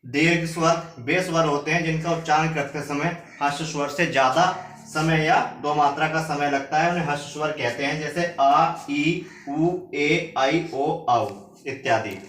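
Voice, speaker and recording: A man teaching a grammar lesson, slowly repeating each term word by word as if for students to copy down. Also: a little high, fairly even intonation, a bit bright. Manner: slow, repeats words one at a time for dictation. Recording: echoey room, mic at a distance, faint noise.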